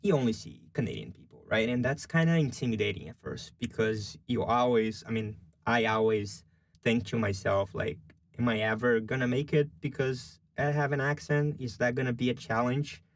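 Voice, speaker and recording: A young adult man from Brazil, a journalism student with a Brazilian Portuguese accent, answers interview questions casually and chattily, full of "you know" and "like." His mid-range voice moves at a moderate pace with no room sound.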